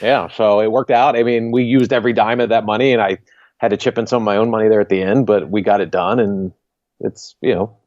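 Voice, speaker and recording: A laid-back man with a low voice talks casually as a podcast guest, self-deprecating and quick to laugh. His voice comes through a dull, lo-fi remote line with a dry sound. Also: fairly even intonation, darkish tone, dry recording. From Washington, D.C. area. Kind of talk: casual chat.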